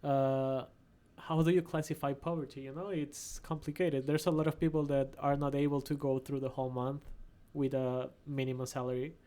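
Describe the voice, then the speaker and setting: This travelling artist from Peru, guesting on a podcast, talks informally in Spanish-accented English and sometimes hunts for the right word. He has a warm, mid-range voice with a level tone, speaking at normal speed with few pauses.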